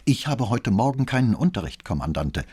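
A man's voice: mid-range voice, sing-song, a little fast, darkish tone, breathy edge, voice pushed up. A man reading an audiobook, voicing a polite, guarded teenage boy cadet.

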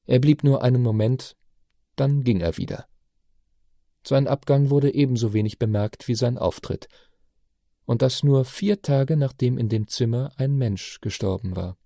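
A man narrating an audiobook in a measured, storytelling way. His voice is dark and mellow, recorded dry and close with no room sound. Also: mid-range voice, gravelly, dry recording. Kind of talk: scripted narration.

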